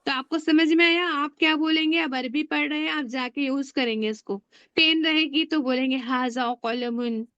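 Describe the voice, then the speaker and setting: A woman teaching a beginner Arabic class online, drilling words slowly and asking the class to repeat after her. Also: high voice, fairly bright tone, no echo, lo-fi sound.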